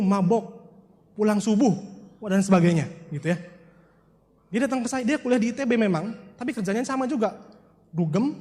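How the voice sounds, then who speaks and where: Man, high pitch, motivational speaker storytelling to a crowd, long reverb. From West Java, Indonesia. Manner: storytelling, addresses audience directly, animated. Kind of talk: motivational seminar talk.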